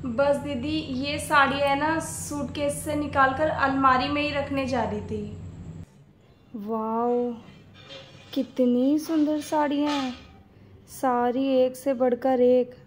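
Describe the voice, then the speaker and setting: A woman playing a meek, polite young bride in a family skit drama, speaking softly and respectfully. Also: sits high, fairly even intonation, slow pace, reverberant, a little hiss or hum. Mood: pleased. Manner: soft, yielding, speaks respectfully. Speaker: daughter-in-law.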